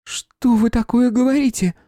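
A man reading an audiobook, voicing a frightened, distraught young female clairvoyant in a high, shrill, pleading voice. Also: fairly quick, dark tone, no room sound, studio quality, close to an everyday voice. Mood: indignant.

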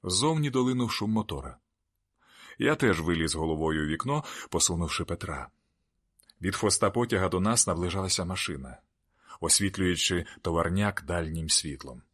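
A man with a very low voice reads a novel aloud in the first person. His narration is steady and measured, a plain audiobook reading.

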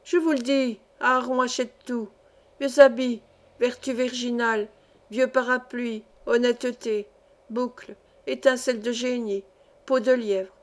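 A greedy old peddler man wheedles and fawns in an insistent sing-song, as a woman reading a story puts him on, with a voice pitched a little high. The coaxing never lets up. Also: a little slow, close to an everyday voice. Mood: fawning.

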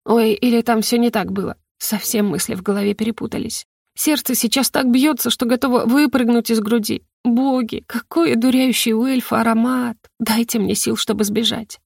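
Woman narrator, fantasy audiobook, first person, husky, gravelly, playful. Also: on the high side, fairly even intonation, normal speed, darkish tone, no room sound, studio quality.

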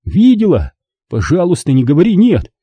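A defiant teenage boy who protests hotly and shouts back, as a man reading an audiobook plays him. The voice is husky and warm, a little raised in pitch. The sound is dry and close to the mic. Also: huge pitch swings, normal speed, dry recording, heavily acted. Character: defiant fifteen-year-old boy, troubled and intense.

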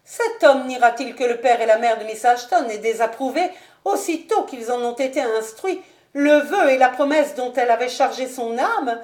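Imperious noble mother, high-pitched, commanding; a female narrator plays her. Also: expressive, moderate pace. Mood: triumphant. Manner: sharp, raised, imperious. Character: haughty domineering noblewoman mother, shrill and triumphant. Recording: echoey room.

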